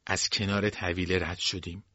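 A man's voice: low-pitched, flat delivery, pushed and bright, dry recording, dull audio. A man giving first-person scripted narration of a novel in a plain storytelling way. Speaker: audiobook narrator.

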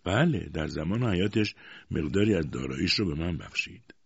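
A timid young widowed mother in a storybook, soft-spoken and close to tears, as a man voices her. She answers meekly and hesitantly in a slightly husky tone. The recording sounds dull and dry. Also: low-pitched, animated, dry recording, exaggerated voice.

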